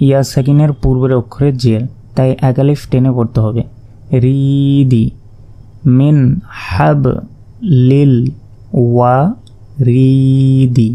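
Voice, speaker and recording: A man teaching Quran reading step by step, spelling out each letter and vowel mark, then reciting the sounds slowly and drawn out. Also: mid-range voice, fairly even intonation, warm tone. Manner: patient, repeats and asks himself questions. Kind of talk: step-by-step lesson.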